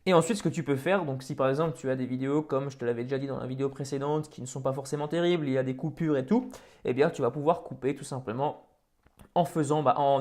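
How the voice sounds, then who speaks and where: A man hosting a software tutorial, talking casually over a screen recording with many fillers and restarts. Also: mid-range voice. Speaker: tutorial host.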